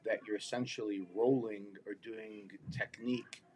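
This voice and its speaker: A man's voice: fairly low pitch, steady tone, measured pace, darkish tone, slight background noise, rough recording. A man over forty hosting a podcast, asking his guest plain questions in a casual way. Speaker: podcast host.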